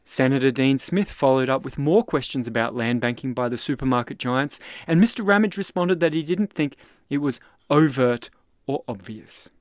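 An Australian man hosting a podcast, reading his own economics article aloud in a measured, explanatory way. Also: mid-range voice, dry recording, clean studio sound. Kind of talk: read-aloud article narration.

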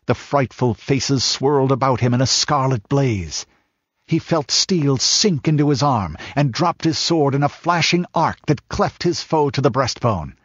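Male narrator, dramatic measured reading, dry close mic, dull lo-fi recording, mid pitch. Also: animated, fairly bright tone, husky, no echo. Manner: measured dramatic reading, building in the battle scenes. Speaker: audiobook narrator. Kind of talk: scripted narration.

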